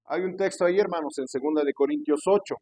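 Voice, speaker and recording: A male pastor preaches in a fairly high voice, calling out to his congregation as he goes. The sound is dry and close, with little room around it. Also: fast talker, mellow, no echo. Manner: preaching with frequent call-outs to the congregation; acts out quoted pastors with pushy raised voice. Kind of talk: sermon.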